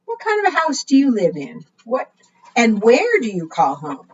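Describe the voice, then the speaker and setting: A librarian leading preschool storytime reads aloud to young children in a sing-song way, often putting questions to them. Her voice is a little high, mellow and slightly rough, with huge pitch swings at normal speed. The microphone is distant and the sound muffled.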